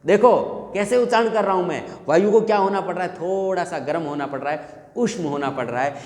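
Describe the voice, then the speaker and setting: A man's voice: sits high, fairly quick, darkish tone. A man teaching a Hindi grammar lesson for exam prep, asking questions and answering them himself. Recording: echoey room with long reverb.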